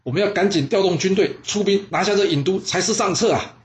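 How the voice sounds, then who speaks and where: A man's voice: high voice, fast, voice pushed up, natural voice. A man voicing a scheming, persuasive adviser who coaxes and pushes hard. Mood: urgent. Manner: coaxing, then urgent and shouting. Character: scheming persuasive male adviser, pushy and loud.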